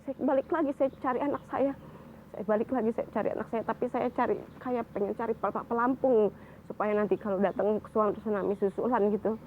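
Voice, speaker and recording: Young adult woman survivor giving a halting personal account, heard through a narrow lo-fi band. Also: fairly high pitch, fairly even intonation. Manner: halting, repeats herself, restarts. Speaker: tsunami survivor. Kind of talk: personal testimony. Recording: phone-like band, faint noise.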